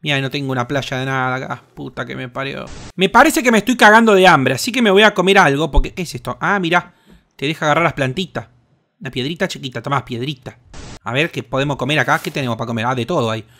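A young man with a Rioplatense Spanish accent, commenting on his gameplay in an excitable, crude way with lots of swearing. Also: mid-range voice, fast talker. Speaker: gaming host.

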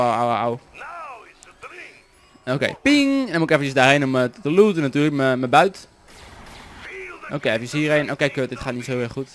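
Excitable Dutch teen gamer. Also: male voice, fairly high pitch. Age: teens. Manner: excitable, swears and yelps at setbacks, hums and sings along. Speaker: gameplay commentator. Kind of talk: Let's Play commentary. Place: home room with a vacuum cleaner running outside.

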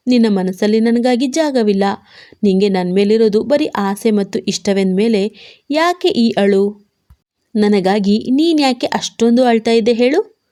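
A woman's voice: medium pitch, dark tone, natural voice. Woman voicing a wounded young wife. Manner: plaintive, questioning.

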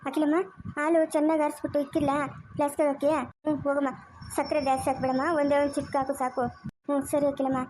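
A woman's voice: high-pitched, level tone, quick pace, mellow, a little hiss or hum, natural voice. A woman with a Chikkaballapur Kannada accent, acting as a rural woman in a family drama, scolding and pleading with emotion.

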